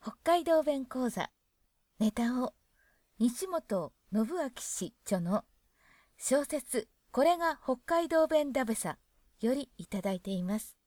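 A woman hosting a dialect lesson who explains expressions in a gentle, chatty way. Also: high voice, sing-song, slow, dry recording.

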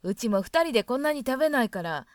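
A woman's voice: on the high side, lively intonation, fast, no room sound, clean studio sound, close to an everyday voice. A woman voicing a friendly wife with a Hokkaido dialect who cheerfully brushes off a guest's thanks. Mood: cheerful, generous.

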